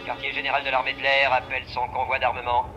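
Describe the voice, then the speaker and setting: An actor playing an air force headquarters operator, heard as a radio transmission, making a formal military radio call in a dubbed 1960s series. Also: male voice, mid-range voice, completely flat delivery, fast, lo-fi sound, over music. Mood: urgent.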